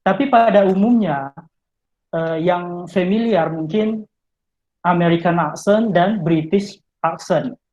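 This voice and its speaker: A man's voice: high voice, slow, darkish tone, low-quality recording. A male English tutor giving study tips in an online talk, explaining step by step and speaking straight to his listeners. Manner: explanatory, addresses listeners directly. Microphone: video call.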